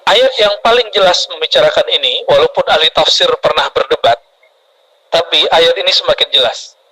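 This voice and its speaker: A man preaching a sermon to a congregation, lively and often putting questions to the audience. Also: on the high side, fairly quick, poor audio. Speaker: Islamic preacher.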